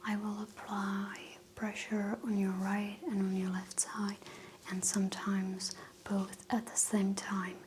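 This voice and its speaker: A woman speaks in a soft unvoiced whisper, playing a doctor through a calm medical exam. Her delivery is slow and unhurried, and the pitch stays flat and even throughout. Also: slight background noise, low-quality recording. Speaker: doctor in roleplay. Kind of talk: whispered ASMR medical roleplay.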